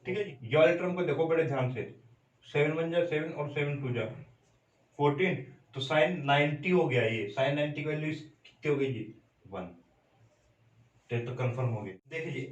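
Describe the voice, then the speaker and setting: A man's voice: a little high, far from the mic. A man, teaching a maths lesson and explaining each step, often asking his students how much it comes to. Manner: steady step-by-step explaining, repeated check-in questions to students. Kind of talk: classroom lecture at a board. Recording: roomy echo, voice from off mic.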